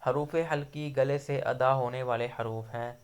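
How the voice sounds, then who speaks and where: A man teaching a recitation lesson, patiently explaining and slowly sounding out example syllables. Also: mid-range voice, steady tone, clean tone. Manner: patient, repeats letters slowly with drawn-out demonstration syllables. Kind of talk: online tajweed lesson.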